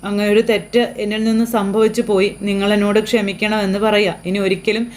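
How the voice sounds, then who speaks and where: A woman's voice: medium pitch, little pitch movement, fast, a little mellow, a little hiss or hum, close to an everyday voice. A woman voicing a remorseful grown son begging forgiveness, quoting his lines plainly while retelling a TV serial episode.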